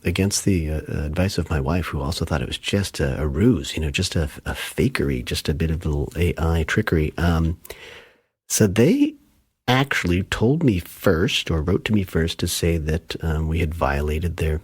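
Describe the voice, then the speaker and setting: Husky low-voiced man rambling on a podcast. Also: animated, moderate pace, no room sound. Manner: rambling, self-interrupting storyteller. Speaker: podcast co-host. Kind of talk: casual chat.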